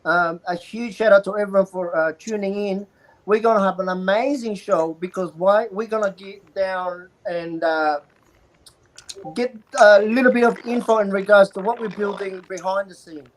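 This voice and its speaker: A co-host on a casual livestream who works through a list of shout-outs. Hesitant fillers break up the lines. The voice sits at a middle pitch. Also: steady tone, normal speed, poor audio.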